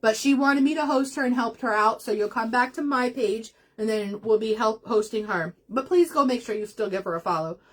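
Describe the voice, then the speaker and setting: A chatty woman hosts a craft livestream, talking to her viewers in a casual, rambling way as she works. Her voice sits a little high, and she slips into laughter and emotion easily. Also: brisk, hardly any pauses.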